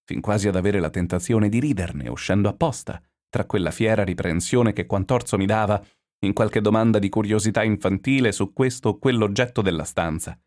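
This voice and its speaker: A man with a very low, deep voice reads literary fiction aloud, measured and expressive. His narration turns inward and reflective, pacing each clause with care. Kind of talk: literary audiobook reading.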